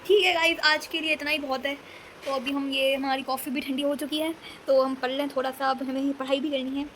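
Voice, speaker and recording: A young woman with a high voice chats to her viewers in a lively, dramatic way, often dropping English words into her sentences. A faint hum of noise sits behind her. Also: a little fast. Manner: chatty, dramatic, mixes English words into Hindi. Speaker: vlogger. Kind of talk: casual chat to camera.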